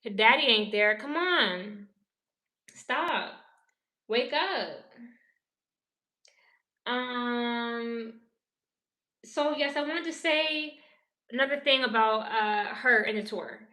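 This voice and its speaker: Bright high-voiced woman ranting. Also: slow pace, long pauses. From New Orleans, Louisiana. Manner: profane, ranting, talks to chat. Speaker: pop culture commentator. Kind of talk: casual livestream commentary.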